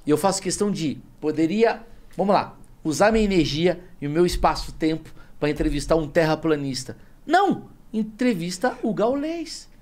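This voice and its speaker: Brief: thirties man from Brazil, podcast guest, emphatic and emotional storyteller, slangy, voice sitting a bit high. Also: a little fast, hardly any pauses, darkish tone. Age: 30s. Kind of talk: casual podcast chat.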